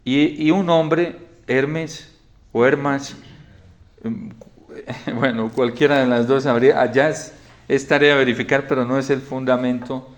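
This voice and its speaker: A male priest preaching a homily in a storytelling manner, often falling to a quiet hush. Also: mid-range voice, steady tone, measured pace. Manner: storytelling, drops to a soft hush in quoted lines.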